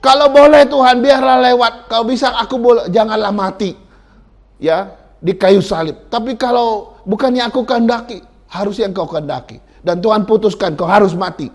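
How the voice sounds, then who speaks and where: A man's voice: sits high, normal speed, voice pushed up. Jesus praying in an earnest, pleading tone, raised and emotional, as a male preacher acts out the scene. Each phrase comes out humble and heartfelt. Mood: pleading prayer.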